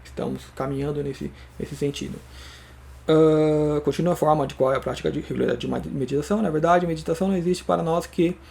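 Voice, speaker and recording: A man's voice: fairly high pitch, gravelly, dark tone. A man gives a reflective spiritual talk, answering viewer questions and thinking aloud with frequent tag questions. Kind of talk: reflective spoken monologue.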